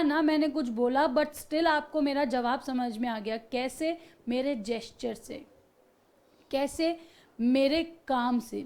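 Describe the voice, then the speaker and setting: A woman teaching a class in a lecture style, explaining slowly and mixing Hindi with English, and stressing words to give examples. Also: high voice, a little mellow.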